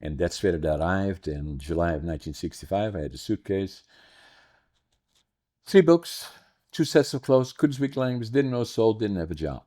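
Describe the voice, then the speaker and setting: This man from the Netherlands, in his eighties, hosts a podcast where he tells wandering stories and keeps self-correcting during a laid-back interview chat. He sounds animated, with a dark, low voice at a moderate pace.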